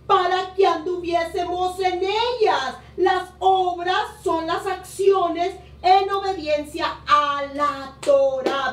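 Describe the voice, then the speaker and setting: A middle-aged woman from Honduras, a pastor, preaching a sermon with emphatic, drawn-out key words from a room at home on a webcam. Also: extremely high pitch. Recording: roomy echo, voice a bit distant.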